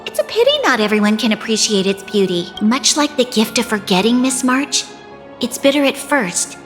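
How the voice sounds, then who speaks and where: A woman's voice: fairly high pitch, big pitch swings, moderate pace, long reverb tail, soft background music. A woman voicing a refined, composed young noblewoman in a video game, formal and elegant. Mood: serene.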